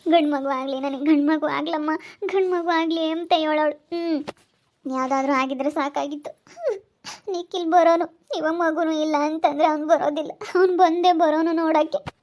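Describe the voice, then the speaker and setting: A woman's voice: high-pitched, steady tone, moderate pace, darkish tone. An actress playing a tearful, grieving mother who laments over her daughter. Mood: lamenting. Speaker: mother of the young woman. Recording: dull lo-fi sound.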